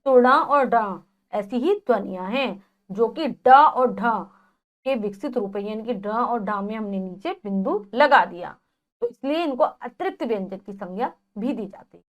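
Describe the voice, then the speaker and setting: A woman's voice: on the high side, animated, a little slow. Woman teacher explaining a grammar lesson. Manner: explains, then repeats points with rhetorical questions.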